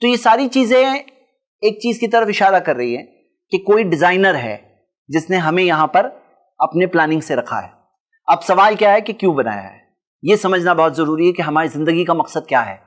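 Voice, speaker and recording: A man giving a religious talk and answering audience questions, explaining his points through lists of examples. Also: high voice.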